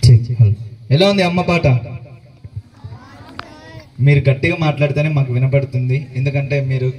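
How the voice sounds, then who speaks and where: A man hosting a school event, loudly quizzing the children and singing along. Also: mid-range voice, brisk, a little hiss or hum. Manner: loud energetic, quizzes the crowd. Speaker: event host and singer. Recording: far from mic, music and crowd behind.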